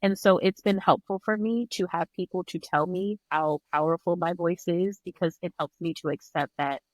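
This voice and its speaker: As a podcast guest, a breathwork and yoga instructor talks in a reflective, conversational way, earnest and encouraging. Her fairly low, steady voice moves at normal speed with no echo.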